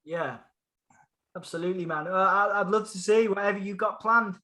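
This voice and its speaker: A man's voice: sits high, normal speed, pushed and bright, echoey room. A man with a Hull accent, chatting enthusiastically as a podcast guest over a call, often repeating phrases for emphasis. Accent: Hull English. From Hull, England. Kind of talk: casual interview chat.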